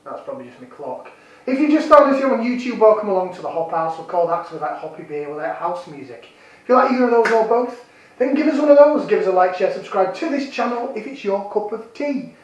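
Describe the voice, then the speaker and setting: Man, jokey beer reviewer, high-pitched, sounds set back from the mic. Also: big pitch swings, fast, heavy reverb, far from the mic, poor audio. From Yorkshire, England. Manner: chatty, jokey, self-deprecating. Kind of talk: casual vlog review.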